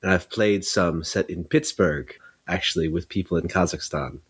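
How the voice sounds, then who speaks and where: A man's voice: sits low, moderate pace, slightly rough. A man interviewer who shares observations and asks questions conversationally.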